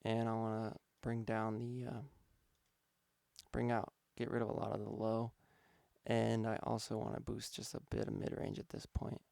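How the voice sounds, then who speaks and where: Man, producer, casual mixing lesson, gravelly, smooth, dry close mic. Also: fairly low pitch, normal speed, no room sound. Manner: relaxed, thinking aloud with fillers. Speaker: music producer teaching mixing. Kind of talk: casual instructional walkthrough.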